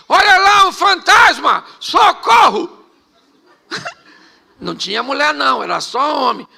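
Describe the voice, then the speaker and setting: A man preaching a sermon in a joking, lively storytelling way, with sudden loud bursts. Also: high-pitched, gravelly, slight background noise. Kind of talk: humorous sermon.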